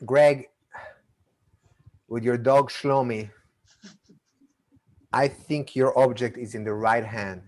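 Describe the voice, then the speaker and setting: Over a video call, a man with an Argentine-Israeli accent performs live online mentalism patter, chatting playfully with volunteers and stumbling into stammering restarts. His medium-pitched, darkish voice keeps fairly even intonation as he takes it slowly with long pauses.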